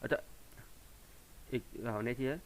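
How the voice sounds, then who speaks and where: A man teaching beginners in a tutorial video. He goes slowly and patiently, asks a question and then answers it himself, and repeats each point so that children can follow. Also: medium pitch. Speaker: computer teacher. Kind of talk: screen-recorded tutorial explanation.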